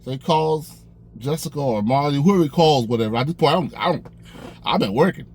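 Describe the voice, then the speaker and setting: A young man casually telling a personal story, animated, acting out the dialogue with a raised voice. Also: a little high, fairly quick, slight background noise. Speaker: storyteller vlogger.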